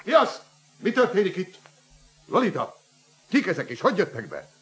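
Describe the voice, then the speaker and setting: An actor playing a raving, megalomaniac older mad scientist in a radio play, with a husky voice, shrieking rants and mocking laughter. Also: male voice, high-pitched, very animated, soft background music. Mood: indignant. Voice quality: husky, gravelly.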